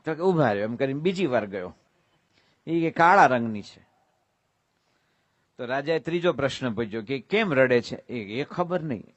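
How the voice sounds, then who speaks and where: A preacher with a Gujarati accent delivers a devotional religious discourse, telling stories, asking rhetorical questions and breaking into sung verses. His mid-range voice has lively intonation, a moderate pace and frequent pauses. The audio is dull, with no room sound.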